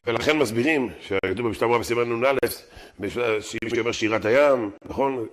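A man, a rabbi preaching to his congregation. He talks fast and animated, bursting into loud quoted lines and chanting old Aramaic texts in a sing-song. His voice sits at an ordinary middle pitch for a man. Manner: animated, shouting quotations, Talmudic chanting. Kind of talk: sermon.

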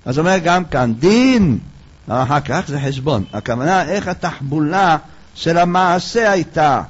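A man's voice: fairly high pitch, animated, slightly rough. A male preacher giving a sermon, telling parables and acting out their dialogue. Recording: dull lo-fi recording.

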